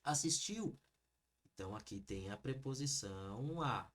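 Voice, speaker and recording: A man's voice: medium pitch, a little slow. A man with a Brazilian Portuguese accent teaching an online exam review lesson, explaining each answer step by step and talking straight to the viewers. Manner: lively, explains step by step, addresses viewers as "gente".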